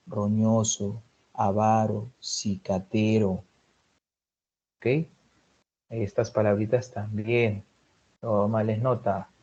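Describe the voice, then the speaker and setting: A man with a lowish, mellow, slightly rough voice teaches vocabulary in an online lecture, listing synonyms and checking in with students again and again. He has a Peruvian Spanish accent, and the recording is muffled.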